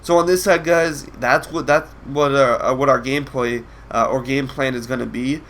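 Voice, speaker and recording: A young man, sick and congested with a nasal voice, gives casual commentary over a video game match, rambling with lots of ums and restarts. His voice is medium-pitched, steady, a bit bright, at a moderate pace.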